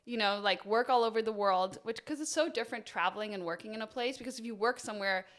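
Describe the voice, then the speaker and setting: Giggly young woman, slightly high voice. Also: fast, fairly bright tone. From Spain. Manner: upbeat, giggly, lots of "like". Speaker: guest entrepreneur. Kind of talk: casual interview chat.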